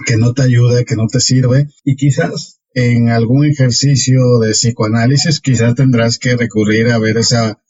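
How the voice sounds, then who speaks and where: A man's voice: mid-range voice, flat delivery, moderate pace, a little mellow, husky. Easygoing male podcast host. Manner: easygoing, rambling questions with fillers. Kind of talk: interview hosting. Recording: muffled lo-fi podcast audio.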